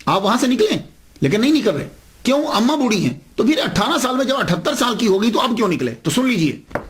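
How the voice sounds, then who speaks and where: A man telling a saint's story as a sermon, acting out the dialogue with big swings in his voice. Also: high-pitched. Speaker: Islamic preacher.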